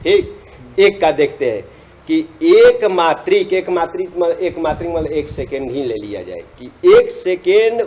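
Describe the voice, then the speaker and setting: In a call-and-response classroom lecture, a man teaches Sanskrit grammar, stretching out words, repeating himself, and prompting students to answer. His slightly high, slightly mellow voice swings widely in pitch at an unhurried pace, and the audio's high frequencies are cut off.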